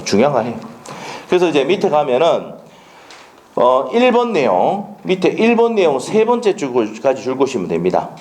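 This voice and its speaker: A man with a medium-pitched, slightly mellow voice lectures on law in a classroom, his Gyeongsang Korean accent clear. Blunt and colloquial, he constantly throws out rhetorical questions and makes sure his students follow along.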